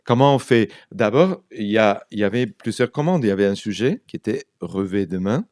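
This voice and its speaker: Recorded in studio quality with no room sound, a man from Argentina speaks briskly and animatedly in a somewhat low, darkish voice. A native Spanish speaker with an Argentine accent, he's a writer and translator being interviewed, recounting anecdotes while regularly searching for words.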